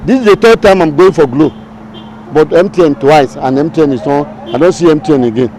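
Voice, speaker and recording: A man in a street interview, hurried and exasperated. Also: fairly high pitch, a little mellow, a little hiss or hum, rough recording. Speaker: interviewed passer-by.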